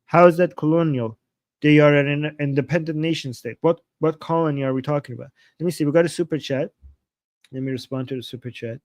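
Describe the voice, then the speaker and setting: A man from Iran with an Iranian accent hosts a live political reaction stream, arguing insistently, repeating his points and posing rhetorical questions. His voice is fairly high and darkish in tone, and he speaks at a quick pace. There is no room sound.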